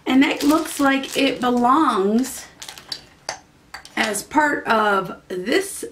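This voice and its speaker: A woman's voice: a little high, a bit bright, slight background noise. A woman beauty vlogger casually chatting through a makeup unboxing, rambling and easily delighted, sometimes in a sing-song voice.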